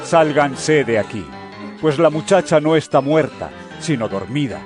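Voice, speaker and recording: A man playing Jesus as a calm, earnest male teacher in a dramatized audio Bible, speaking in a measured way. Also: fairly high pitch. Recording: music bed behind voice. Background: background music.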